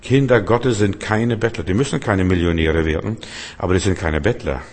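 Emphatic low-voiced male preacher in a reverberant hall. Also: normal speed. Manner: emphatic, addresses listeners directly with repeated "weißt du". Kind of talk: sermon.

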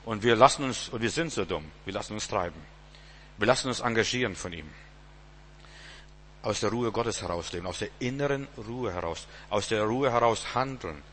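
A man's voice: fairly low pitch, lively intonation, normal speed, fairly bright tone, a little hiss or hum. A man preaching a sermon in a rambling way, repeating words and chuckling now and then.

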